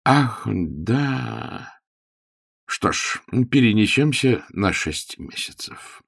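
A man's voice: lowish voice, lively intonation, drawn-out words, creaky, a bit bright, no room sound, clean studio sound, pitched above the performer's own voice, exaggerated voice. A man reading an audiobook voices a genial, meandering elderly storyteller in a pub. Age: older. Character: old male pub storyteller, genial, self-satisfied. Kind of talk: audiobook character voice.

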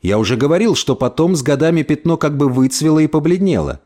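A man reading a first-person story aloud in an expressive narration. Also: fairly high pitch, fast talker. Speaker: audiobook reader.

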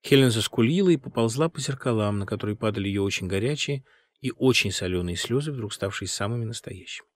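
A man narrating an audiobook with a lively, dramatic delivery. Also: lowish voice, fast talker, no echo, clean studio sound.

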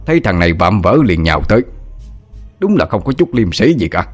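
A man voicing a stern male exorcist near sixty, gruff and commanding. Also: sits low, big pitch swings, a little fast, faint music behind.

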